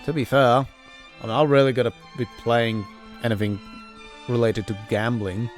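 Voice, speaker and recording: A man giving casual commentary on his own playthrough, halting, repeating words and swearing freely. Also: medium pitch, soft background music. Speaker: gamer narrating own playthrough.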